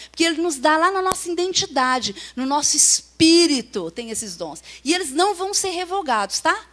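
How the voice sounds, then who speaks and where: Woman, Brazilian Portuguese accent, high voice, conversational sermon, keeps asking the room along. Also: fairly bright tone. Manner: chatty, keeps checking in with the audience; acts out little quoted voices. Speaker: preacher at a workers' retreat.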